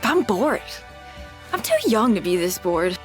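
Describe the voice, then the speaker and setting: A woman's voice: mid-range voice, very animated, a little slow, faint music behind. A woman voicing a bored, restless teenage girl in a video game, talking in a lazy drawl.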